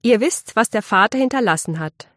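A woman's voice: a little high, lively intonation, brisk, fairly bright tone, no room sound, studio quality. A woman reading aloud and voicing the eldest son of a miller, a self-assured young man who speaks firmly and matter-of-factly. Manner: firm and matter-of-fact.

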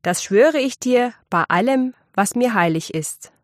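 A woman's voice: a little high, animated, unhurried, no room sound, studio quality, pitched above the performer's own voice. A woman reading aloud and voicing the eldest son of a miller, a self-assured young man who speaks firmly and matter-of-factly. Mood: stern. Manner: firm and matter-of-fact.

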